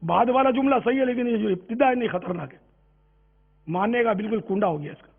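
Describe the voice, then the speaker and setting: A man preaching with a high, gravelly and husky voice. He urges his listeners on and sometimes slows down to draw out each word of a phrase he is demonstrating. The sound is tinny and narrow, like a phone line. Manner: exhorting, slowly drawn-out demonstration of Arabic phrases. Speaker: religious teacher. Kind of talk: religious talk on Quran recitation.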